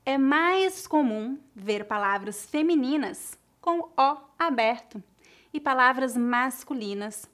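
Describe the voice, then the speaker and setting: Brazilian woman language teacher, slightly high voice, slow deliberate drilling delivery. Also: expressive, fairly bright tone. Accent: Brazilian Portuguese. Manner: carefully enunciated, repeats example words for drilling. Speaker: Portuguese teacher. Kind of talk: slow, clear language lesson.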